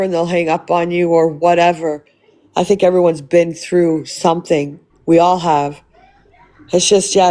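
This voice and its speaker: A woman's voice: fairly low pitch, mellow. A woman hosting a livestream, ranting angrily and with lots of swearing, often repeating and restarting her words. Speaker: livestream host. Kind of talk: angry live-stream rant.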